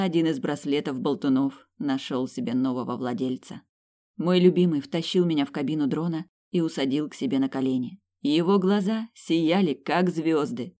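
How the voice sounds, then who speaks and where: A woman's voice: low-pitched, warm tone. A woman narrating a novel in the first person, with an emotive delivery that rises on exclamations and quoted lines. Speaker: audiobook narrator.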